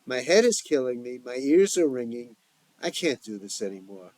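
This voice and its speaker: A man's voice: medium pitch, big pitch swings, normal speed, darkish tone, no echo. A man voicing a fed-up, exasperated middle-aged mother in a family audio story. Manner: exasperated, complaining.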